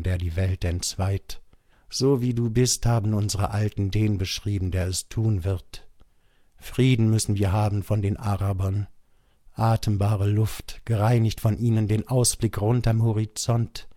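Storybook: man doing an old jackal, wailing and imploring, fairly low voice, dry sound. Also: dark tone, dry recording, lightly acted. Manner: lamenting, imploring.

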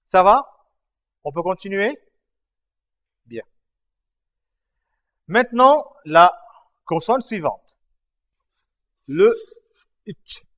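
A man teaching a writing lesson, slowly explaining each stroke, repeating himself and checking that his students follow. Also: high-pitched, lively intonation, a bit bright. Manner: patient, repeats and checks understanding. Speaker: language teacher. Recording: dull lo-fi recording.

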